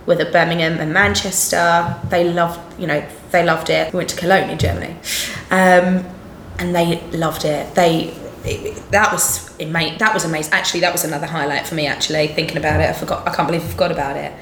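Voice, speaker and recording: A woman's voice: sits low, fairly even intonation, a little fast, a bit bright. Essex woman, stage performer, chatty and giggly, roomy echo with faint hiss. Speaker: musical theatre performer. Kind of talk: casual interview chat.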